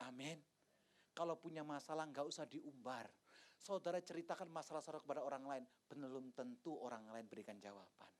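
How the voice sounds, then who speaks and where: A man in his fifties from Indonesia, a pastor telling stories in a sermon, swinging from hushed asides to loud exclamations and acting out the dialogue. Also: mid-range voice, a little fast. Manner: acts out dialogue in different voices. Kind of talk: sermon with personal testimony.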